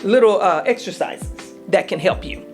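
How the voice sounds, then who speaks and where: A woman's voice: medium pitch, moderate pace, faint music behind. A woman coach hosting a casual talk, urging listeners on in an upbeat, exhorting way. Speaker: coach and podcast host. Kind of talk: casual encouraging chat.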